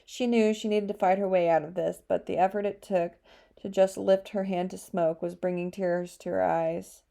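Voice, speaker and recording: Warm-voiced woman narrating a novel. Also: on the low side, normal speed, gravelly. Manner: steady storytelling reading. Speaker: audiobook narrator. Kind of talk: scripted narration.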